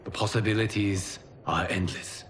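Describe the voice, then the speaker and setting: Liu Kang, a man voicing a deep, calm time-keeper. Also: a little hiss or hum, close to an everyday voice. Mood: solemn. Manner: calm, measured, solemn. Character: calm godlike male warrior monk, keeper of time. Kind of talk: video game cutscene acting. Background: dramatic game score.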